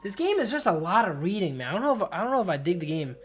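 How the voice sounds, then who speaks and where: This man's voice is high-pitched, rapid-fire, and fairly bright, swinging widely in pitch, with slight background noise and music behind him. As a live streamer doing casual game commentary, he reads story text aloud and chats in loose slang, often calling listeners bro and dude.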